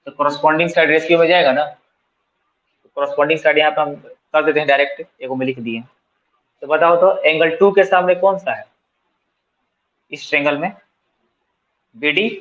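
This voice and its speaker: Tutor with a Bihari lilt, higher voice. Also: male voice, normal speed, long pauses, a bit bright, muffled recording. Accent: Bihari Hindi. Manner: asks students questions and answers them himself; colloquial, mixes English math terms into Hindi. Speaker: math tutor. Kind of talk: classroom math lesson, working through steps aloud. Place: coaching centre classroom.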